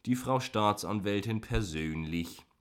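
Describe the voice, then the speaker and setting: A man's voice: on the low side, measured pace, clean tone, close to an everyday voice. A man reading an audiobook, voicing a loyal, grinning male police officer who teases in a friendly way. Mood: teasing. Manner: teasing, friendly.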